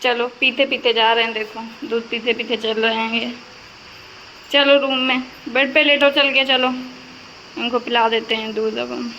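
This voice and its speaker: A woman's voice: on the high side, fairly even intonation, normal speed, pushed and bright, long reverb tail, lo-fi sound, a little hiss or hum. A woman casually narrating a home vlog of her toddler, chatting to viewers and cooing at the baby. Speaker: vlogger filming her toddler. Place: home, indoors.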